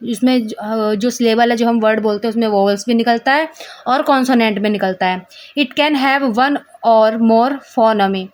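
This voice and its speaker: A young woman teaching a casual lesson, reading English notes slowly and then explaining each point quickly in Hindi. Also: on the high side. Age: young adult. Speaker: law student teaching.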